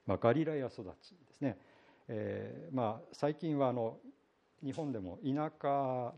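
A pastor from Iwate, Japan, preaching a conversational sermon, telling the story in a relaxed, folksy way with many hesitations. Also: male voice, mid-range voice, unhurried, vocal fry, muffled recording.

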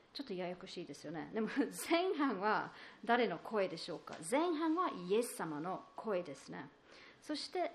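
A woman's voice: medium pitch, a little hiss or hum. A woman preaching a sermon, explaining patiently and asking the listeners questions, with many fillers and restarts. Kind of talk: sermon on a psalm.

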